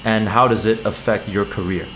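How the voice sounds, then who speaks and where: A man's voice: on the low side, fairly even intonation, normal speed, fairly bright tone, a little hiss or hum. A man from Malaysia, hosting a podcast and asking careful, polite questions. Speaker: podcast host. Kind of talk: casual interview.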